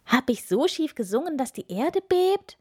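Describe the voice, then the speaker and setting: A woman voicing a small cheerful male snowman in a whispered role-play, higher, quicker and louder than her narration. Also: no room sound, studio quality, close to an everyday voice. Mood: alarmed.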